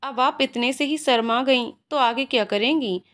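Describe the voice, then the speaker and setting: A woman storyteller voicing a playful, teasing young husband in a low, soft voice. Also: moderate pace.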